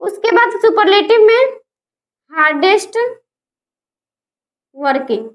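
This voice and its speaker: High-voiced woman teaching grammar. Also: lively intonation. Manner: spells words letter by letter slowly. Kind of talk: grammar lesson.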